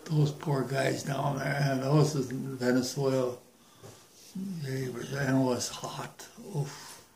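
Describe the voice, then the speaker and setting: An elderly man, a grandfather, casually reminiscing in a rambling, halting way, often repeating himself as he recalls things. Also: mid-range voice, little pitch movement, vocal fry, darkish tone, a little hiss or hum. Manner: old man's rambling, halting, repetitive recollection. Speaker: grandfather recalling merchant marine days. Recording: echoey room, home recording.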